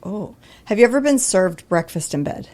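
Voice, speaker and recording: A woman's voice: medium pitch, lively intonation, normal speed, darkish tone. A woman hosting a casual podcast, speaking earnestly and chatting playfully with a guest. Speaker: podcast host.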